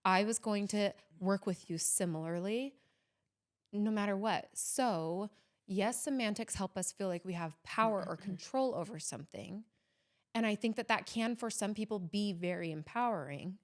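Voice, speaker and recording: A woman's voice: mid-range voice, normal speed. A woman therapist on a podcast, thoughtfully explaining her approach in a casual, rambling way. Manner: thoughtful, explains at length with frequent "like" and restarts. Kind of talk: casual conversational interview.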